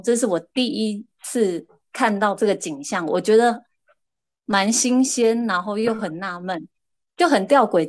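A woman, a guest casually telling lively stories. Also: medium pitch. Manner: lively anecdotal, shifting pace. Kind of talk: casual storytelling.

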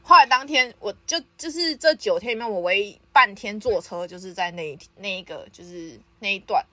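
A young woman, hosting a podcast and telling a personal story in casual chat, lively and often laughing. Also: medium pitch, brisk, a little hiss or hum. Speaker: podcast host.

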